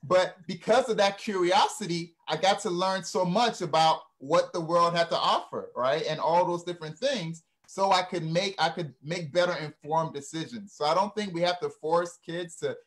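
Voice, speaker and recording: A man's voice: high voice, moderate pace, hardly any pauses. A man from Ghana, speaking earnestly in a reflective, storytelling way and often checking in with "right?" and "you know". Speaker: guest speaker.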